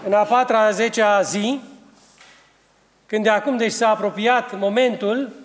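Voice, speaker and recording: A man's voice: high voice, steady tone, long reverb tail. A man preaching, reading a saint's life aloud in a solemn manner with small restarts.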